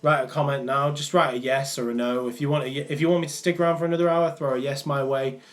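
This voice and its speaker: A young man with a steady, mid-range voice answers his live stream chat at a quick pace, talking loosely with many ums and restarts from a small indoor room. He's from the Manchester area in England, with a partly worn-off Mancunian accent that comes and goes.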